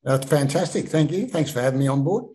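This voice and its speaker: An Australian man in his sixties, an author, telling stories in a relaxed way with frequent ums and restarts over a video call from his home lounge room. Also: fairly high pitch, fast talker, rough recording. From Melbourne, Australia. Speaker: author guest. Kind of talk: casual interview. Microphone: video call webcam.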